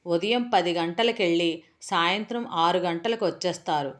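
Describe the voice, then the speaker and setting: A woman's voice: on the low side, moderate pace, lightly acted. Woman voicing a scolding young housewife. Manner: scolding, questioning. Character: sharp-tongued young housewife, nagging husband.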